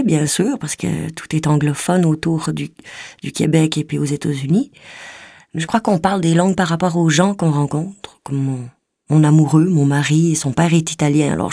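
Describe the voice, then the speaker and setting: A theatre actress from Quebec with a Québécois French accent, tinged with Swiss Jura, talking casually and reflectively, with light laughs now and then. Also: female voice, sits low, steady tone, moderate pace, gravelly, dark tone, no room sound, clean studio sound. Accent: Québécois French, slightly mixed with Swiss Jura. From Quebec, Canada. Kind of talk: casual personal talk.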